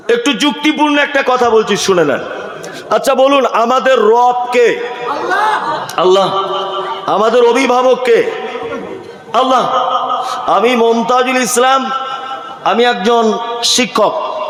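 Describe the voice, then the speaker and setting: A man's voice: extremely high pitch, a bit bright. A man preaching a sermon at a religious gathering, emphatic and full of rhetorical questions to the crowd. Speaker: Islamic preacher. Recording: echoey hall.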